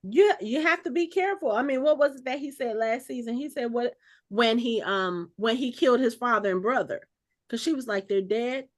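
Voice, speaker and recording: A woman co-hosting a casual podcast, talking over scenes in an animated way and acting out the exchanges as she recaps them. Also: a little high, brisk. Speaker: podcast co-host. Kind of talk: casual chat.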